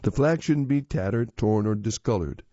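A man reading magazine stories and articles aloud in a steady, measured way. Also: fairly low pitch, dry recording. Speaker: magazine reader. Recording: dull lo-fi recording.

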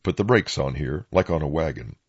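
Man, Appalachian accent, raspy and gravelly, animated pitch swings, folksy storyteller, rural dialect. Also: fairly quick, lo-fi sound. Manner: plain-spoken rural dialect. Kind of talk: folksy first-person oral-history storytelling.

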